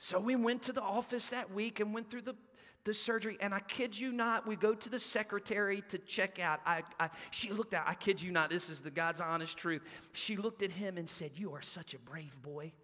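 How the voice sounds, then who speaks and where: A man preaches in a church, his voice unusually high and bright. He tells his story with animation, and long reverb from the sanctuary trails each phrase. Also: fairly quick. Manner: animated storytelling, acting out quotes. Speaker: pastor. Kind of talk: sermon with personal story.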